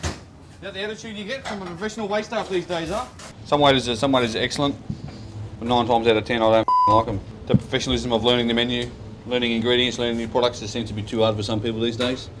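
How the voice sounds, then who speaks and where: A man's voice: medium pitch, steady tone, quick pace. A male head chef talking informally about kitchen work, blunt and matey. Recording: noisy kitchen background.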